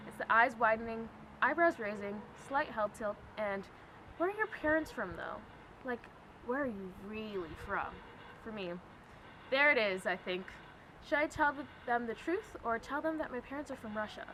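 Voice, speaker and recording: A woman's voice: on the high side, animated, moderate pace, sharp tone, low-quality recording. A young woman from Ireland giving wry, scripted personal narration as a student. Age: young adult. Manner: wry, questioning. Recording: clear background noise.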